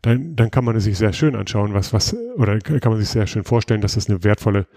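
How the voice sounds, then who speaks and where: A man hosting a podcast in casual chat, explaining things in a relaxed way with frequent hesitations and restarts. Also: lowish voice, fast, gravelly, no room sound, studio quality. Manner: relaxed, explanatory, many filler sounds and restarts. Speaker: podcast host.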